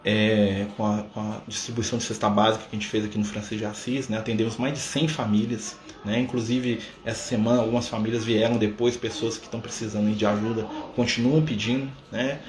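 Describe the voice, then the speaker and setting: A man's voice: fairly low pitch, little pitch movement, roomy sound, a little hiss or hum. A Brazilian man leading a live-streamed spiritist study talk, conversational, often tagging his sentences with a questioning "né?". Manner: conversational, fills pauses with a questioning "né?". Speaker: spiritist study group leader. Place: room at a community center.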